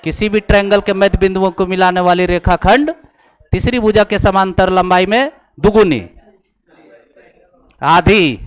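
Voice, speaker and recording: Slow, high-voiced math teacher. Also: male voice, clean tone. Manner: slow, teasing, mixing Hindi and English, chuckling asides. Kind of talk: classroom lecture. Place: coaching classroom.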